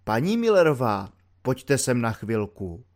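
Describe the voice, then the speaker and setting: A man reading an audiobook, voicing a good-natured simple soldier in a low, grave, drawn-out way with colloquial everyday speech. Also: big pitch swings, a little mellow. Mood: solemn.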